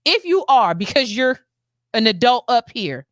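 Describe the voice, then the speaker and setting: A woman's voice: a little high, sing-song, measured pace, dry recording, clean studio sound. Earnest woman host in her forties. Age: 40s. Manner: earnest, emphatic, repeats phrases. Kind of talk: heartfelt talk-show monologue.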